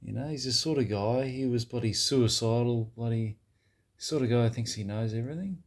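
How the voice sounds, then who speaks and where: A man playing a blokey Australian bro who gives dubious advice in a satirical monologue, with a husky, laddish way of talking. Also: medium pitch, brisk, lightly acted. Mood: matter-of-fact. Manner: laddish, drops "mate" and "bloody" constantly.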